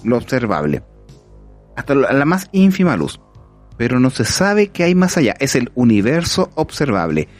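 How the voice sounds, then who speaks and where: Man, Chilean accent, podcast host, mid pitch, rambling and enthusiastic, faint music behind. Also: wildly swooping pitch, moderate pace. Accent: Chilean Spanish. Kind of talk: casual podcast chat.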